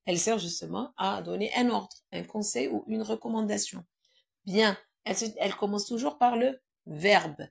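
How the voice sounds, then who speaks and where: A woman's voice: mid-range voice, moderate pace, creaky, slightly rough. A woman teaching a grammar lesson in a classroom, quizzing her pupils and repeating their answers.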